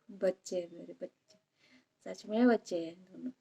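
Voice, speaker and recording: A woman's voice: mid-range voice, slow pace, vocal fry, warm tone, husky. Chatty young woman rambling about home. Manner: chatty, rambling, asks "है ना?" often. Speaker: vlogger. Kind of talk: casual home vlog chat.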